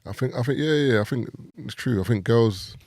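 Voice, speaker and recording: A man's voice: medium pitch, brisk, no echo, studio quality. A man, a podcast guest chatting casually and easily. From England. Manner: relaxed, says "do you know what I'm saying". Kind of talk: casual chat.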